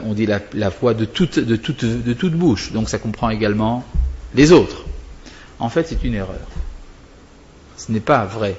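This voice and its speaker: A man's voice: fairly low pitch, a little mellow, highs cut off. A male religious teacher explaining prayer to students, wandering off topic and answering his own questions.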